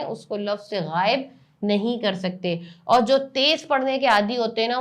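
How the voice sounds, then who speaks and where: خاتون استاد، آہستہ بلند آواز میں ہجے. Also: female voice, a little high. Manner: slow, drawn-out loud recitation of syllables, then brisker explanations. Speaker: Quran reading teacher. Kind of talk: spelling-out Quran reading lesson.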